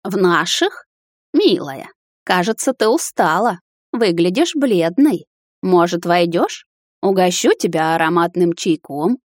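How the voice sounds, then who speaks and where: A woman voicing a sly old female witch with a creaky voice, cooing one moment and shrieking with rage the next. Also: lowish voice, expressive, unhurried, no echo, clean studio sound.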